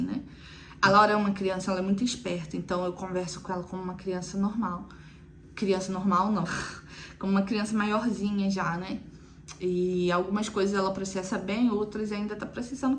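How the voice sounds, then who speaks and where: A woman's voice: medium pitch, a little hiss or hum. A young woman, chatting casually to viewers as a mother recounting her experience, with frequent "né" asides. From Brazil. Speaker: mother telling her weaning story.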